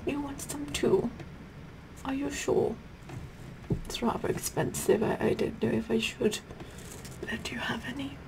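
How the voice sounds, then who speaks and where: A woman's voice: fairly high pitch, measured pace, pauses often, background noise. A middle-aged woman playing a sassy, vain, condescending Queen Elizabeth the First in a whispered ASMR roleplay, repeating her words imperiously. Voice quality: breathy whispering mixed with soft speech.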